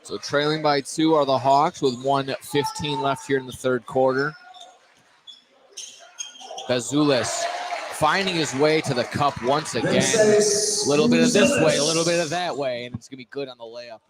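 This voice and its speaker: At a moderate pace and medium pitch, a sports announcer gives live radio commentary on a basketball game inside a gymnasium. Behind him, the noisy gym broadcast picks up game sounds and a ball bouncing.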